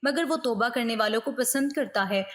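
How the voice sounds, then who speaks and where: A woman voicing a kindly elderly mother who gently counsels a younger woman, in a storybook reading. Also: fairly high pitch, lightly acted. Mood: consoling. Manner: soothing, counselling.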